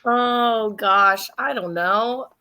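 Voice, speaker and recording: Slow, bright, lively-voiced woman. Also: on the high side, clear, resonant tone. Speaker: guest, cast member. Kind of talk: casual chat.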